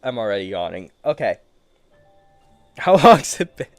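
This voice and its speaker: A man's voice: mid-range voice, big pitch swings, moderate pace, soft background music. A man giving casual solo commentary while he plays a game, rambling to himself in a playful, easily amused way. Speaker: gaming streamer.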